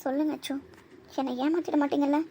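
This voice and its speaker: A woman's voice: sits high, steady tone, quick pace, mellow, slight background noise. A woman voicing characters in a family drama cartoon, pleading and tender in some scenes and urgent and tearful in others. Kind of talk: acted cartoon dialogue.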